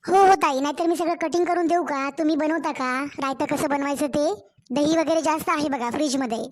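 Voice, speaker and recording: A woman's voice: high-pitched, brisk, close to an everyday voice. A woman voicing a polite, eager young daughter-in-law in a cartoon family story, with a Marathwada Marathi accent. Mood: earnest.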